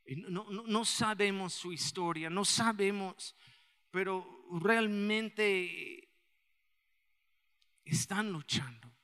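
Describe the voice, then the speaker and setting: A pastor from the United States, preaching a sermon and rising to shouts for emphasis. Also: male voice, sits high, takes it slowly, long pauses, clear, resonant tone. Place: church. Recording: long church hall reverb.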